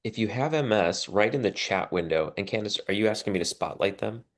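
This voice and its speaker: A man moderating an online event over a video call. He speaks in a quick, businesslike way. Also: fairly low pitch, lively intonation.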